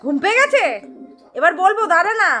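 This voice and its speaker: Woman vlogger, very high-pitched, lively, teasingly scolding, casual to-camera chat. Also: fast talker, soft background music. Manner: animated, playfully scolding and repeating herself. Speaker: vlogger showing her pet.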